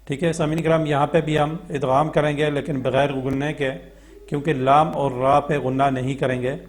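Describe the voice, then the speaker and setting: Man, Pakistani accent, Quran teacher, slightly high voice, slow chanted syllables, brisk explanations. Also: level tone. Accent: Pakistani Urdu. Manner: chants drawn-out syllables, then explains rules quickly.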